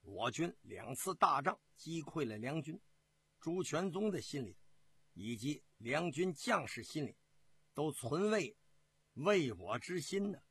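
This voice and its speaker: A storyteller voicing a calm, composed older male army commander, in a husky voice with slow, deliberate speech. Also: fairly high pitch, heavily acted. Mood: firm. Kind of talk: traditional storytelling.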